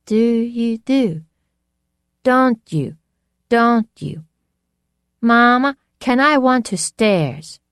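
A woman voicing a simple-minded young girl with a thick, weak voice who echoes words back in halting babble. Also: fairly high pitch, animated, clear, resonant tone, studio quality, pitched above the performer's own voice. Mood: fretful.

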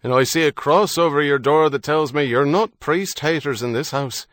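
A man voicing a bold, cheerful Irish trickster with an Irish accent who calls out loudly and heartily. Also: fairly high pitch, moderate pace, no echo, voice pushed up, lightly acted. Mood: hearty. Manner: loud, hearty calling out.

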